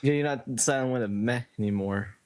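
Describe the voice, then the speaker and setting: A man's voice: mid-range voice, fairly quick, crowd noise. A man co-hosting a live podcast, teasing the others with dry quips. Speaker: podcast co-host. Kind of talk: live post-show chat.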